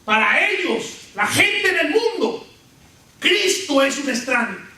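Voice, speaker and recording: A middle-aged Venezuelan pastor preaches with a strikingly high, bright voice. He tells funny stories with lively energy. He is heard from a distance in a very echoey church hall. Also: slow. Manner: animated preaching with humorous anecdotes. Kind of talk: sermon. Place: church sanctuary.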